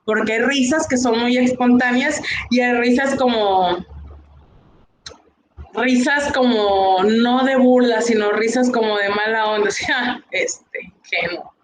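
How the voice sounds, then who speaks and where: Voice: medium pitch, steady tone, measured pace. Mexican class teacher, recorded online lecture, patient explainer; echoey room, faint background hum. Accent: Mexican Spanish. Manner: explanatory, frequent "bien" and "eh" fillers, rhetorical questions.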